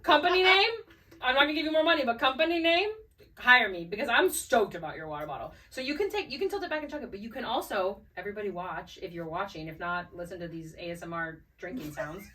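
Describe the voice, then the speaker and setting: A woman's voice: mid-range voice, expressive, fast talker, bright, forceful tone, far from the mic. A young woman co-hosting a podcast in casual chat, bubbly and rambling, laughing often. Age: young adult. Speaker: podcast co-host.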